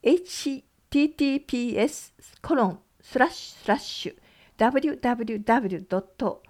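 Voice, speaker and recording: A woman radio announcer reading community event notices, working through lists of places and numbers in a measured way. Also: fairly high pitch, expressive, a little mellow.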